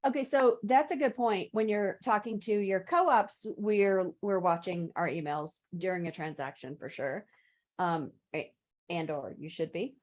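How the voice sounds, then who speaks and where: A woman's voice: medium pitch, a little slow, a little mellow, highs cut off. A woman teaching on a video call, conversational and explaining through examples. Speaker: real estate trainer.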